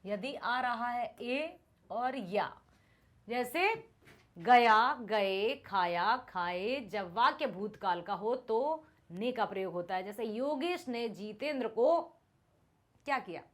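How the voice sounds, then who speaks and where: A woman teaching grammar in a fairly high, lively voice that rises and falls a lot. She explains patiently and keeps checking that her students are following. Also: takes it slowly. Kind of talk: grammar lesson.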